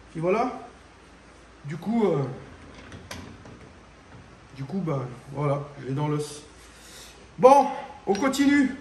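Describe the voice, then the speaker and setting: A man's voice: high voice, roomy sound, background noise. A man doing a casual workshop vlog about a car repair, speaking straight to the viewer in slangy, casual speech and swearing when things go wrong. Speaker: home mechanic showing a car repair. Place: garage workshop.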